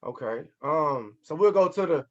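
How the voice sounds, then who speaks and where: Slightly high-voiced host on muffled audio. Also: male voice, expressive, normal speed. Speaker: podcast host. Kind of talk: casual podcast interview.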